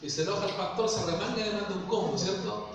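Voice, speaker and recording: A high-voiced man preaches to his congregation and keeps asking them questions as he goes. He sounds far from the mic, and his voice rings with long reverb through a big hall. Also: quick pace, slight background noise. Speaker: pastor. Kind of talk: sermon. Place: church hall.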